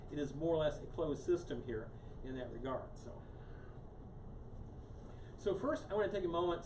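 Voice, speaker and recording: In a meeting room before a small live audience, a man gives a loose, casual climate science lecture as a guest speaker, repeatedly saying "here" and frequently restarting his sentences. The mic sits far away in an echoey space, catching his fairly high voice along with steady background noise.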